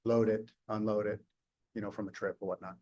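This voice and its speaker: A man's voice: on the low side, little pitch movement, a little fast, mellow, muffled recording. A man on city staff patiently explaining an ordinance at a public council meeting, with some ums. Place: council chamber.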